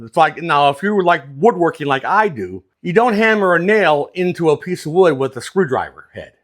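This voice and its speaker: A man's voice: a little high, big pitch swings, fairly quick, fairly bright tone. A plain-spoken man working as a craps dealing instructor, explaining things step by step in a casual, hands-on teaching style.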